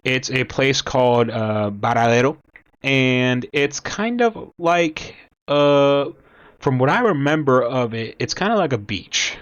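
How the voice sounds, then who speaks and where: A young man born in Cuba talks in a slow, unhurried way, rambling and halting as he goes. His voice sits at an ordinary middle pitch. He sometimes slips into reading aloud from an article. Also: expressive, clear, resonant tone, dull audio. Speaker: commentator. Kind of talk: casual talk to camera.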